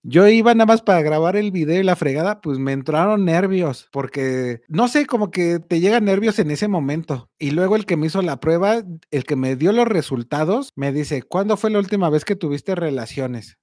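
A Mexican man with a fairly high voice tells a story straight to his viewers in a lively, slangy way. The sound is dry and close, with no room echo. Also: normal speed, few pauses. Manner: lively, slangy, expressive retelling. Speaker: YouTuber. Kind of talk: casual storytelling to camera.

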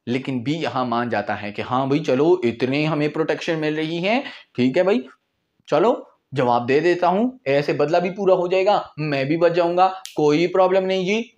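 Recorded with lo-fi sound, a man in his twenties speaks in a fairly high voice with a Pakistani accent. His law lecture is informal and conversational, sprinkled with English terms, and he acts out examples in front of a whiteboard in a small indoor room.

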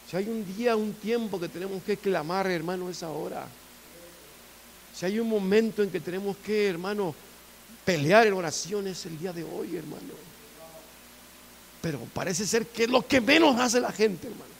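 Male preacher, fervent church sermon, very high voice with heavy gravel, hushed then loud. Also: a little hiss or hum. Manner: fervent, repetitive, swings between loud and hushed.

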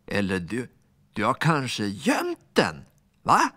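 A man voicing an angry young boy who accuses and shouts at a smaller child in a children's story. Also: medium pitch, wildly swooping pitch, no echo, clean studio sound, exaggerated voice. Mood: scolding.

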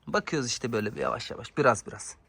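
A man, a father and dog owner, chatting casually to viewers in a yard while giving sharp commands to his dogs. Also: mid-range voice, animated, rapid-fire, gravelly. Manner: sharp commands to dogs, shooing them back. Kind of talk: casual vlog talk to viewers.

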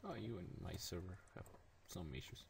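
Man, gaming co-host, lower voice, playful deadpan humor. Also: brisk, gravelly, noisy background. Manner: playful, silly deadpan jokes. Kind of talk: casual gameplay chat.

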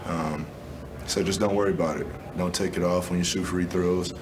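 Fielding questions in a press room after the game, a basketball player in his twenties speaks in a subdued, deliberate manner full of "you know" and "um" fillers. His intonation stays fairly even amid background noise.

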